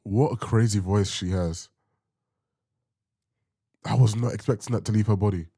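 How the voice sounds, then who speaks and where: A man's voice: lowish voice, moderate pace, mellow, breathy edge, no room sound, faint music behind. A man giving casual reaction commentary as host, musing aloud in informal language.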